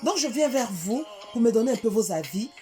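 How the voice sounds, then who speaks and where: A middle-aged woman from Africa tells a story to her viewers in a casual monologue, animated and indignant, repeating words for emphasis. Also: fairly high pitch, fairly quick, faint music behind. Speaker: vlogger addressing her community.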